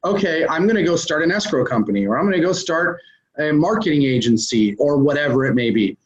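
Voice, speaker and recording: This man, interviewed about real estate investing, explains his business thinking step by step in a conversational way, filling gaps with "um" and "uh." His voice is a little high with lively intonation and a fairly quick pace, captured in dull lo-fi audio.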